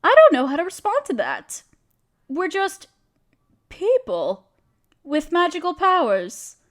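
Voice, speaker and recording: In a scripted audio roleplay, a woman voices a friendly, genteel witch who talks kindly to the listener in quaint, dainty phrases. It's a full character voice: extremely high-pitched, swooping wildly, and slow. She comes across as kindly and reflective.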